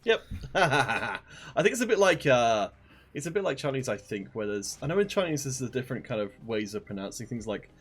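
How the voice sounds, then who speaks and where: A man's voice: mid-range voice, big pitch swings, fairly quick, fairly bright tone, breathy edge. A man casting a live esports stream, chatting upbeat and directly to viewers. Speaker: esports caster.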